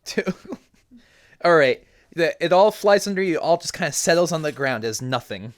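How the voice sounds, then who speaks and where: A man's voice: on the high side, lively intonation, normal speed. A young man running a tabletop game as game master, laughing often and swearing casually.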